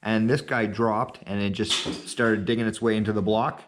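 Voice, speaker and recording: A man's voice: on the low side, steady tone, moderate pace, reverberant, noisy background. Laid-back man losing his voice. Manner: laid-back, rambling with many fillers. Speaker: channel host. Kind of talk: casual video chat.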